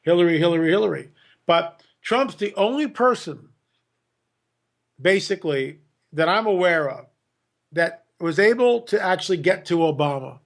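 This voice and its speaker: Emphatic man with a high voice. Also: lively intonation, moderate pace, gravelly. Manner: emphatic, repeats words, mimics others mockingly. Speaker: podcast guest. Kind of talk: opinionated podcast talk.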